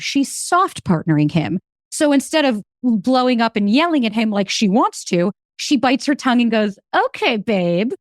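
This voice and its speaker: A woman guest on a podcast, telling stories and giving dating advice in a lively, emphatic way. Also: mid-range voice, no echo, clean studio sound. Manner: animated storyteller, fast and emphatic. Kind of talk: casual interview chat.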